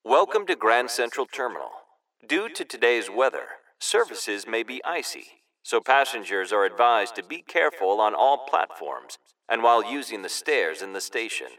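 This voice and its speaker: A man's voice: medium pitch, very animated, normal speed, fairly bright tone, far from the mic. A man playing a formal station announcer reading a scripted public announcement.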